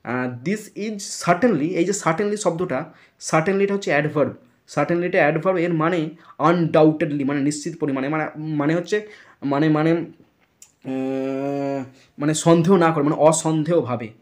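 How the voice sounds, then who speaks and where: A man's voice: on the high side, unhurried. A man teaching an English grammar lesson, explaining step by step, spelling words out letter by letter and checking if students follow. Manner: checks understanding with repeated questions.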